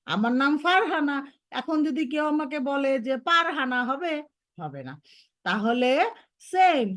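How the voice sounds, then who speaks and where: A woman's voice: high voice, no echo, clean studio sound. A woman with a Bangladeshi Bengali accent teaching Arabic letter sounds to children in an online lesson, patiently modeling each sound.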